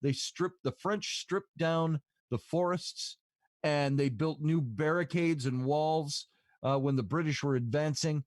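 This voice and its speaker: A man's voice: a little high, measured pace, darkish tone, dry recording, studio quality. A man hosting a podcast, telling long stories in a casual, rambling way with lots of fillers. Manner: rambling, filler-heavy storytelling. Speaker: podcast host. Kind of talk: casual storytelling chat.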